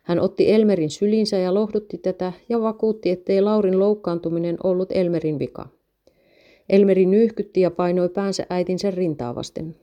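A woman narrating a read-aloud story in a steady, measured way. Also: lowish voice, dull audio.

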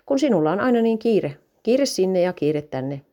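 A woman's voice: fairly low pitch, animated, dark tone. A woman reading as a prickly young mother. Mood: bickering. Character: young mother on a car trip, a bit prickly.

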